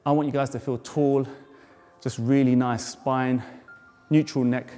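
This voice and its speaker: A man's voice: medium pitch, fairly even intonation, unhurried, mellow, clean tone. A man coaching a jump rope move step by step, a bit out of breath, with encouraging cues. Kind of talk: tutorial instruction. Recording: hall reverb, faint music.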